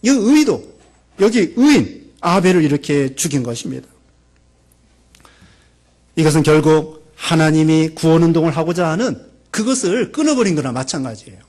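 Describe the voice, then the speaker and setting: A man preaching a sermon as pastor of a church, emphatic, stacking verbs in long lists and swinging between urgent high emphasis and quiet low asides. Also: animated, normal speed, pauses often. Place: church sanctuary.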